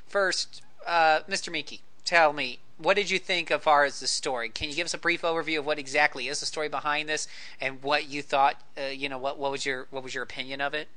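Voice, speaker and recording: A man's voice: fairly high pitch, fairly even intonation, brisk, pushed and bright. A man hosting a casual panel discussion, putting questions to the other speakers. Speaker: host, moderator.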